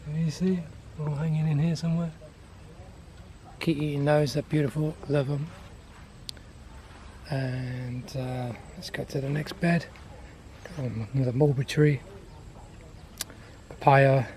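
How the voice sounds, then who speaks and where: A man giving a casual, unscripted garden tour outdoors, listing things in an unhurried, appreciative way. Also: a little high, flat delivery, a little mellow, rough recording. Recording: outdoor ambient noise.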